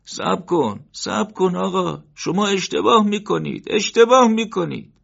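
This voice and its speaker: A man's voice: mid-range voice, animated, vocal fry, breathy edge, voice pushed up, full character voice. A man voicing a frightened older male shopkeeper who pleads and defends himself, in an audiobook. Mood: pleading. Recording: dull lo-fi recording.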